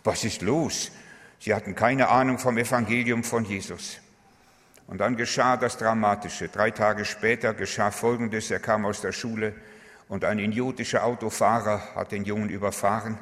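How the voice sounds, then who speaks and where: A man's voice: fairly low pitch, fairly even intonation, moderate pace, a bit bright. A man preaching a sermon, earnest and exhorting, speaking straight to his listeners. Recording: long hall reverb.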